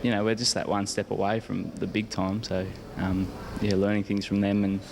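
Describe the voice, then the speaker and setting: A man's voice: on the low side, flat delivery, moderate pace, gravelly, a crowd in the background. A young man with an Australian accent giving casual, hesitant, rambling answers as an interviewed athlete. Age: young adult. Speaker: Australian rules footballer being interviewed.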